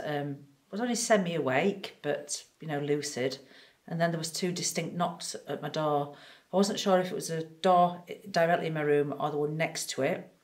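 A woman paranormal investigator recounting an experience in an interview, chatty and full of ums. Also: low voice.

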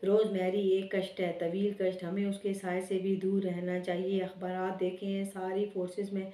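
Storybook brother figure, stern and scolding, read by a woman; mellow, flat delivery, echoey room. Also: mid-range voice, close to an everyday voice.

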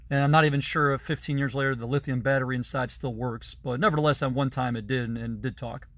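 A man's voice: mid-range voice, fairly even intonation, quick pace, a bit bright, no room sound. Chatty man touring his toy basement. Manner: chatty, detailed, grateful. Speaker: collector showing his toy collection. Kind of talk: casual collection tour. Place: basement full of toys, indoors. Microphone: phone camera held at arm's length.

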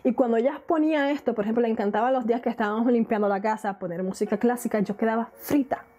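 Married woman vlogger, mellow warm voice, slightly high, chatty and questioning. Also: fast, a little hiss or hum. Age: adult, married. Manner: chatty and questioning, laughs often. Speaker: YouTube vlogger. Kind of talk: casual chat to camera.

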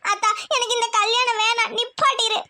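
A woman's voice: extremely high pitch, fast talker, background noise. A woman voicing a young village bride in a homemade cartoon, pleading and tearful. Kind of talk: cartoon voice acting.

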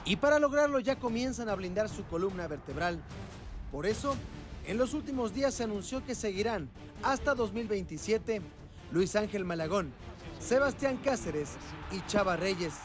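A man's voice: high voice, animated, moderate pace. A man reading a scripted sports report as voice-over. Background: music.

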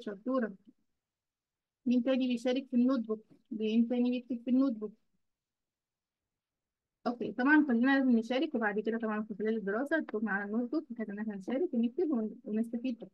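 A woman with an Egyptian Arabic accent teaching children English in an online class, praising them and drawing out English words slowly. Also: a little high, highs cut off.

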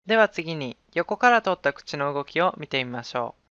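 A woman giving calm, scripted narration for a pronunciation lesson. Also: deep voice, normal speed, clear, resonant tone, no echo. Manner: calm, instructive. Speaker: pronunciation teacher. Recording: dull, dry studio voice-over.

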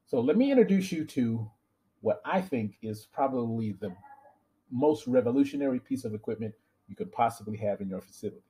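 A middle-aged man, a fitness trainer and equipment dealer, giving an earnest, persuasive sales pitch straight to camera from a small home office. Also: expressive, a little fast, mellow, slightly rough. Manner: earnest, persuasive, emphatic on key words.

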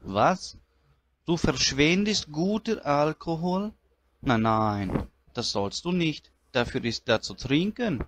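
A man doing a naive, earnest immigrant, talking slowly in broken grammar. He is polite and wide-eyed, telling his story as a comedy character monologue. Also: fairly high pitch, expressive, background noise. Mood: puzzled.

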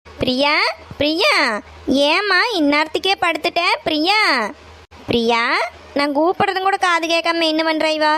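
A woman's voice: extremely high pitch, measured pace, long pauses, fairly bright tone. A woman voicing a nagging, scolding middle-aged mother in a cartoon, with a Kongu Tamil accent from Coimbatore. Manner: nagging, scolds then coaxes. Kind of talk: cartoon voice acting.

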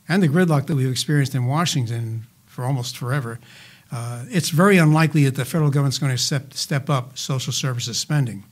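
An older man walking through healthcare spending figures in an interview, speaking in a measured, methodical way. His voice sits a little higher than most men's, and he leans on "uh" fillers between points, now and then slipping in a dry aside. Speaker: healthcare finance advisor, interview guest. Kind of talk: explanatory interview answers.

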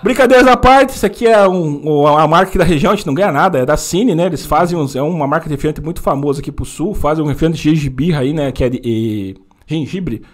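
A young man from Brazil hosting a casual live-stream chat, joking and teasing his guest in a small foam-padded studio. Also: a little high. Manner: joking, teasing, quick banter. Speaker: host.

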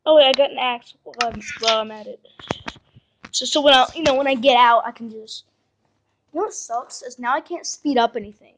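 Chatty high-voiced woman gaming. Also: a little fast, fairly bright tone. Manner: chatty, rambling, talks to game animals. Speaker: gameplay vlogger. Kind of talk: casual gameplay commentary. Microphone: phone mic. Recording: noisy phone recording.

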